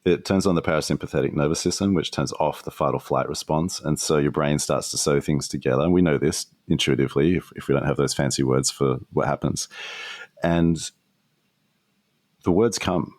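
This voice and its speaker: A man with a very deep, darkish voice talks reflectively in a casual conversation, rambling thoughtfully with plenty of fillers and restarts. He is a podcaster and former radio host appearing as a podcast guest, and the recording has no room sound.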